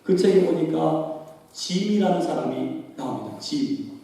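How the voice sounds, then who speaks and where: Male pastor, high gravelly voice, emphatic sermon, reverberant church hall. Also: a little slow, dark tone. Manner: emphatic storytelling, often calls out to the congregation. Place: church sanctuary.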